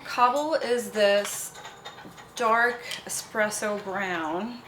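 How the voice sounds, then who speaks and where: A woman's voice: mid-range voice, extremely slow, background noise. Chatty young woman founder, bubbly. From Nepal. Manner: bubbly, chatty, fond of fillers like "you know". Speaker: cosmetics brand founder. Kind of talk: casual interview answers.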